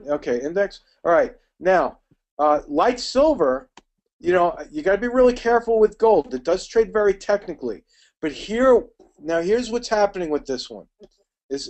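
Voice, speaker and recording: Middle-aged male webinar instructor, slightly high voice, rapid and chatty. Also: a little mellow. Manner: quick, chatty, addresses attendees by name. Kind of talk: live webinar teaching.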